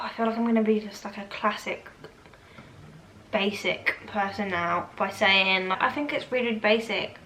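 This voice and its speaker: A woman's voice: medium pitch, bright, forceful tone. A British woman in her twenties chatting casually to camera in a rambling, informal, exaggerating way, answering questions as a vlogger. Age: 20s. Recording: echoey room, faint background noise.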